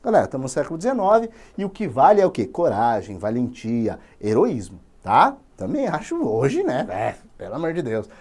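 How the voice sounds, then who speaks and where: A man's voice: mid-range voice, huge pitch swings, normal speed, few pauses, a little mellow, breathy edge. A man with a Brazilian accent teaching literature in an informal, slangy storytelling way, full of tag questions.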